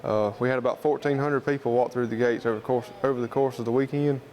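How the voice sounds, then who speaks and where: A man's voice: mid-range voice, fairly even intonation, fast talker, darkish tone, a little hiss or hum. A man with a Southern US accent giving an informal interview, explaining things in a plain-spoken, folksy way. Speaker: student club president being interviewed.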